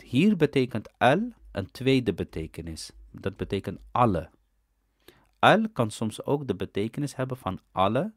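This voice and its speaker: Slow, animated man teaching Arabic grammar. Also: mid-range voice, no room sound, studio quality. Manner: explains step by step, asks "ja?" to check understanding. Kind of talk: recorded language lesson.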